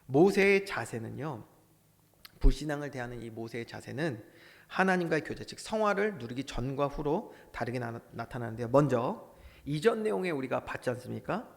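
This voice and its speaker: Impassioned preacher man with a lively voice. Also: mid-range voice, normal speed, gravelly, big-room sound. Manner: impassioned preaching, swings between loud bursts and hushed asides. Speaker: pastor. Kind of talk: sermon.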